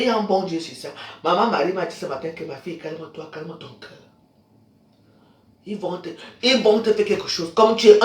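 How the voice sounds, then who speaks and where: A woman in her fifties from Cameroon, delivering a scolding, accusatory rant to camera that swings between shouting and quiet muttering. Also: mid-range voice. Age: 50s. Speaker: social media vlogger. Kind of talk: angry personal rant to camera. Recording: echoey room.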